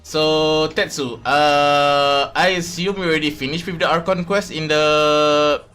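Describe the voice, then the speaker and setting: A man's voice: fairly high pitch, fairly even intonation, measured pace, pushed and bright, clean tone, soft background music. A man from Malaysia hosting a casual livestream chat, talking hesitantly with many fillers and restarts. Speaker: streamer host.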